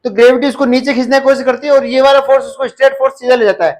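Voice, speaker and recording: High-voiced man lecturing a class. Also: fairly even intonation, very fast, low-quality recording. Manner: asks the class questions and repeats key terms. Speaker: nursing exam teacher.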